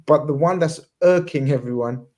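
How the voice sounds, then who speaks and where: A man's voice: a little high, normal speed, a little mellow. A man hosting a casual chat, talking in a rambling way with slang and many restarts. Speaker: podcast host.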